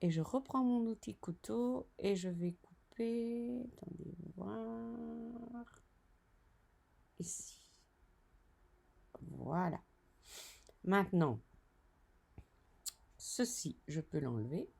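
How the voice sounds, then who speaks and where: A woman tutoring design software over a screen recording, chatty and narrating each step with self-correcting asides. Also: mid-range voice, expressive, extremely slow, vocal fry, pauses often.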